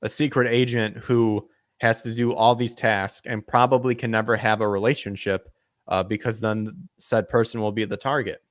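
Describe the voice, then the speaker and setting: On the low side and steady, this man's voice moves at normal speed with no echo. He reads the news on his podcast in casual commentary, throwing in sarcastic jabs, chuckling at his own humor and occasionally fumbling words.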